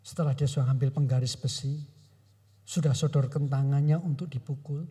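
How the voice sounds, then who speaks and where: Old pastor guy in his 70s preaching, husky voice, long echo off a big church hall. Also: medium pitch, steady tone, a little fast. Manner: shifts between hushed retelling and raised preaching. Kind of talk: storytelling sermon. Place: church sanctuary.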